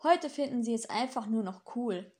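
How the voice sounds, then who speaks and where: A woman's voice: fairly high pitch, animated, moderate pace, dark tone, lightly acted. A woman voicing a sarcastic male demon in an audiobook, dry and mocking. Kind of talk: audiobook dialogue.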